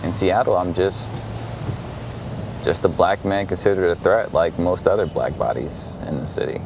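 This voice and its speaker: Deep-voiced reflective man outdoors. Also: moderate pace, creaky. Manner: reflective, searching for words. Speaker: interviewee. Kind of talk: documentary interview. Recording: street noise behind.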